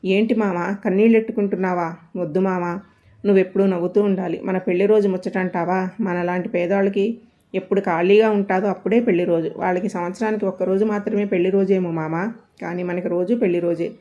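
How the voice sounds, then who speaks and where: A woman's voice: fairly low pitch, fairly even intonation, brisk, mellow, lo-fi sound, natural voice. A woman voicing a spirited young village wife who speaks boldly and directly. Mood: tender. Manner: bold, direct, defiant.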